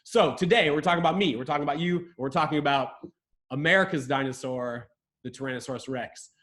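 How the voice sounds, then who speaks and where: A man's voice: on the high side, fast talker, fairly bright tone. A man from Ohio hosting a casual livestream dinosaur lesson over a video call, chatty and joking with viewers from a room in a rented home. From Ohio, USA. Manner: enthusiastic, jokey, chatty with viewers. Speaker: host and dinosaur educator. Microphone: video call setup.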